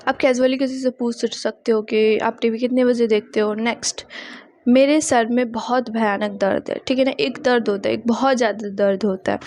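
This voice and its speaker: Slow woman teaching English. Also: on the high side, darkish tone, no echo. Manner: slow careful repetition of example sentences; mixes Hindi explanation with English phrases. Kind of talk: spoken English lesson.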